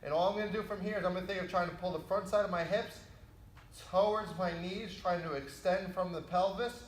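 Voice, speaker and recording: A man leading an exercise class, giving careful, unhurried step-by-step instructions as he demonstrates. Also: high-pitched, steady tone, slight background noise. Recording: echoey room.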